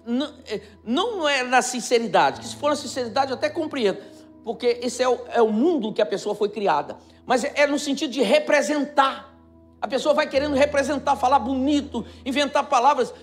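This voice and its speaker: A Brazilian man preaching a sermon as pastor, emphatic and repetitive, building to near shouts. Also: very high-pitched, brisk, soft background music.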